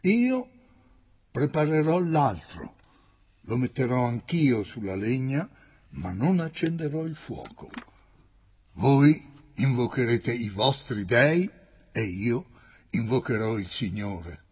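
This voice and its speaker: A man voicing a stern, commanding old male prophet in a read-aloud Bible story, declaiming with loud emphatic peaks. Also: mid-range voice, big pitch swings, slow, long pauses, husky, heavily acted. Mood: proclaiming. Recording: dull lo-fi recording.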